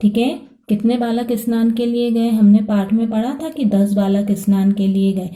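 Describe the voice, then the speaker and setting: A woman's voice: a little high, steady tone, normal speed, dark tone, echoey room. A woman teacher giving a patient Sanskrit lesson to students, explaining step by step and often checking that they follow.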